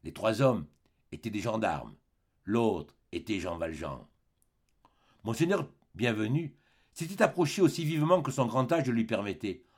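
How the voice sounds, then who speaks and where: A man narrates a classic novel as an audiobook, with measured, expressive storytelling. His voice is gravelly and a little husky, and his pitch moves widely from phrase to phrase. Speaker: audiobook reader.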